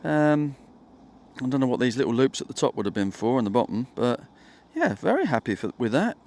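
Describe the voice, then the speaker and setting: A man from England vlogging while metal detecting in a muddy field, chatty and excitable, talking straight to his viewers. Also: medium pitch, a little fast. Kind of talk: casual outdoor vlog narration.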